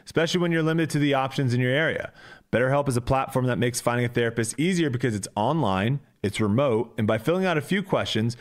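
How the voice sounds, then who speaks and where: A man hosting a podcast, reading a sponsor ad and then chatting loosely, repeating words as he goes. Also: medium pitch. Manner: rambling, repeats words, laughs easily. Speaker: podcast host. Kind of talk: casual podcast chat with ad read.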